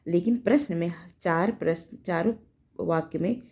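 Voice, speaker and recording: A woman teaching grammar, slowly walking through each quiz question and repeating key points. Her voice sits fairly low and has a gravelly, creaky texture. Her tone is dark and mellow, and she speaks at a very slow pace. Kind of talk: Hindi grammar lesson.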